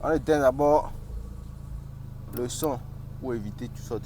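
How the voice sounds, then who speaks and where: A man's voice: mid-range voice, a little slow, warm tone, soft background music. A man with a Cameroonian accent, chatting and joking through a casual car review while driving. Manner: chatty and joking, shows features as he goes. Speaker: car vlogger.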